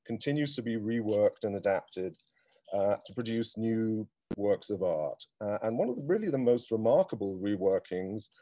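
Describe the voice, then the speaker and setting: A middle-aged man hosting a live-streamed cultural event, talking in an unhurried, thoughtful way with frequent ums and restarts. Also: on the low side, lively intonation, warm tone. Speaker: host.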